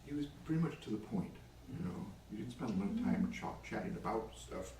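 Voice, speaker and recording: A man's voice: on the low side, lively intonation, brisk, dark tone, slight background noise. A man leading a prayer group, retelling a gospel story casually with chatty, wry asides. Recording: echoey room, far from mic.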